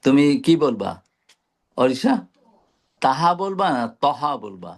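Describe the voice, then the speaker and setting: A man gives a patient one-on-one recitation lesson, walking through each letter sound and repeating syllables aloud. His voice is gravelly with a creaky edge. He talks unhurriedly, pausing often to search for words. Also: medium pitch, big pitch swings. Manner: patient, explains slowly with many pauses and fillers. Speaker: Quran recitation teacher.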